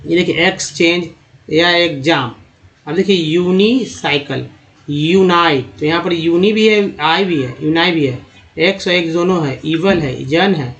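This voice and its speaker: A man's voice: on the high side, measured pace, fairly bright tone. A man teaching how to read English, spelling out letters and sounding out words, and calling his viewers friends. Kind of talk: spoken phonics lesson. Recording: dull lo-fi voice recording.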